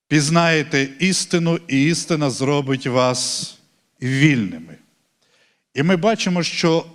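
A man preaching a sermon as pastor, earnest and conversational, slowing down on key words and lifting his voice to stress them. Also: on the high side.

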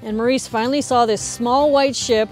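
A middle-aged woman recounts a survival story straight to camera, casual and lively. She speaks close into a lapel mic, with soft music running underneath. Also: a little high, normal speed. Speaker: host. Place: indoors in front of a stacked woodpile.

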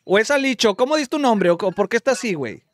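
Mexican guy streaming, high lively voice all over the place, teasing callers, quick play by play, dry close mic. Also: dry recording. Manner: excitable, teasing, rapid play-by-play. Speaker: streamer host calling followers. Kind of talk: lively live-stream phone game commentary.

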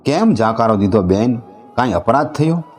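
A man's voice: mid-range voice, animated, normal speed, a little mellow, faint music behind, natural voice. A man voicing a loyal, protective village man who reassures his sworn sister in a folk tale. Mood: earnest.

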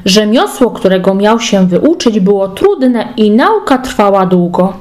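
Slow-reading woman telling a fairy tale. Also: medium pitch, very animated, darkish tone. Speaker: storybook reader. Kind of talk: fairy tale read aloud.

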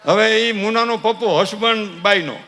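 A folk comedian and dayro performer delivers a live comedy monologue on stage before an audience, preaching, exhorting and telling stories with animation. His high-pitched voice moves at normal speed through a stage PA microphone, in a reverberant hall with slight background noise.

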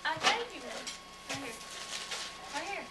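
A woman's voice: sits high, unhurried. A mother handing out presents to her children in a casual home video, heard on an old VHS tape. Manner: lively, coaxing children. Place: family home indoors. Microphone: camcorder microphone. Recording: hissy old VHS tape from a distance in an echoey room.

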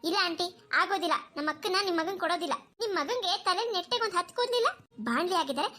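A woman voicing a blunt, outspoken young woman in a cartoon, sharp-tongued and defiant. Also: extremely high pitch, fast talker, voice pushed down. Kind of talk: cartoon voice acting.

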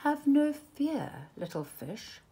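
Lady doing a playful trickster cat from a picture book, slow n reassuring, lots of up and down. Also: high-pitched, very animated, dark tone, voice pushed up, exaggerated voice. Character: unruffled, playful male trickster cat in a hat.

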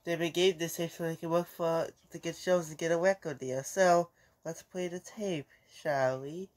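A man's voice: fairly high pitch, steady tone, moderate pace, a little mellow. A man speaking to camera in a casual, scripted skit.

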